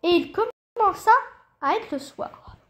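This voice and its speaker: A woman's voice: very high voice, animated, slow. A woman casually narrating scenes of a role-play with toy figures. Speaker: storyteller playing with toy figures.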